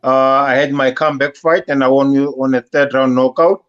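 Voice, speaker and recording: A man's voice: mid-range voice, fairly even intonation, brisk, muffled recording. A man, a professional boxer answering interview questions hesitantly, with many fillers. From South Africa. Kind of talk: casual interview.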